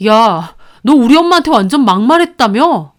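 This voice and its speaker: A woman's voice: fairly high pitch, big pitch swings, normal speed. A woman voicing a petty young man who whines and makes demands. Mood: demanding. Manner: whiny, demanding. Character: whiny, petty young male boyfriend.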